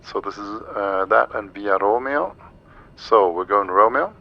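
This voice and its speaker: Low, creaky man commentating on flight simulation. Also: unhurried, muffled recording. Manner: thinks aloud through each step. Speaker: streamer flying a flight simulator. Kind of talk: live walkthrough commentary with pilot radio calls.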